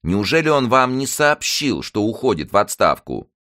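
A man's voice: medium pitch, sing-song, moderate pace, sharp tone, no echo, clean studio sound, voice pushed up. A man reading an audiobook, voicing a fussy, effeminate middle-aged shopkeeper in an affected manner. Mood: prying.

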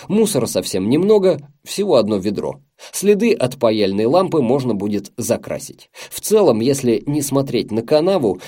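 Mellow-voiced man reading an audiobook. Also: medium pitch. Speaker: audiobook narrator. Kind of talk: audiobook narration.

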